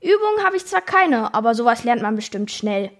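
Girl doing a slow, wistful male moth spirit, simple-minded, storybook reading. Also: fairly high pitch, sing-song, fairly bright tone. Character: naive dreamy male moth shapeshifter.

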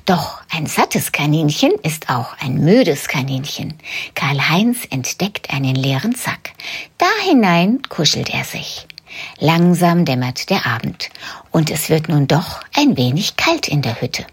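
A woman reads a children's story as a whispered role-play, soft and hushed like a bedtime tale. Her breathy voice moves slowly, with a lively, sing-song rise and fall. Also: low-pitched.

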